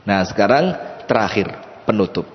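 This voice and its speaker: A man with an East Javanese accent, giving a lively, joking sermon told as a story. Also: on the low side, normal speed, a little hiss or hum. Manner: lively, jokey, plays with the audience. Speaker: preacher. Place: mosque hall. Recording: echoey mosque hall, dull sound.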